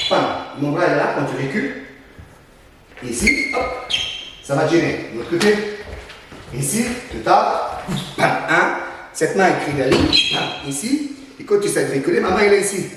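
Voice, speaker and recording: A man's voice: fairly high pitch, lively intonation, moderate pace, long pauses, very noisy. Man coaching from far in an echoey hall. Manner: punctuates moves with sound words. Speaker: Krav Maga instructor. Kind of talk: demonstrating self-defense techniques.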